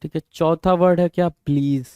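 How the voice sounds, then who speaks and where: At a moderate pace and with fairly even intonation, a man with a slightly high, darkish voice that's clear and resonant leads an exam-prep vocabulary lesson. He spells words letter by letter and asks "bhai?" again and again as a rhetorical prompt. The recording is dry.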